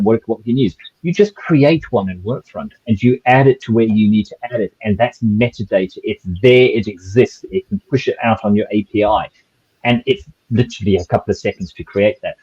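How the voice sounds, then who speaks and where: A man's voice: on the low side, darkish tone, slightly rough, lo-fi sound. A man with a South African accent speaking on a webinar panel, rambling with many restarts and fillers. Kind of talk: conversational webinar discussion.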